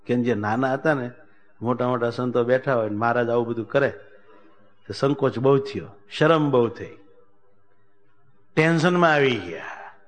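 A man telling a devotional story as a sermon, animated, raising his voice when he speaks for the characters. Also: moderate pace, pauses often. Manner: animated storytelling, voicing characters with raised pitch. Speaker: religious storyteller.

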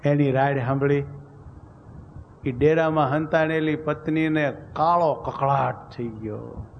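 A man's voice: on the high side, steady tone, takes it slowly, vocal fry, highs cut off, slight background noise. A man telling a devotional story as a religious storyteller, with vivid, dramatic narration.

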